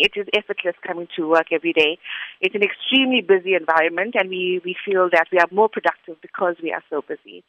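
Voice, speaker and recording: A South African woman in her 40s, an academic director at a school, answers as an interview guest in an earnest, articulate way. Her lowish voice sounds pushed and bright. The recording is dull, lo-fi and dry, with no echo.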